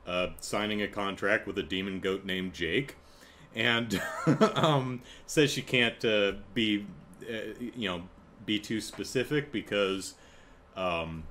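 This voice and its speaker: A man with a fairly low voice talks through an episode recap in a loose, casual way. He rambles, fills gaps with ums and uhs, and chuckles at his own asides. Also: slow, fairly bright tone, slight background noise. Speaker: TV episode reviewer.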